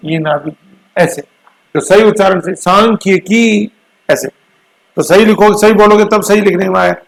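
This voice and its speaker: A male teacher giving an exam coaching lecture on current affairs, mixing English terms into his explanations and drawing words out slowly to drill pronunciation and spelling. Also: high-pitched, vocal fry, rough recording. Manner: addresses students with homely asides.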